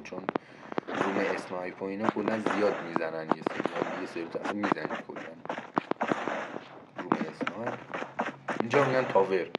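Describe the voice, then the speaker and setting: Low-voiced man walking through game maps. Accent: Persian. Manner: relaxed, thinking aloud with pauses and self-corrections. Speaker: gaming YouTuber explaining map callouts. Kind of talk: casual gameplay walkthrough. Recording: game audio with loud clicking noise.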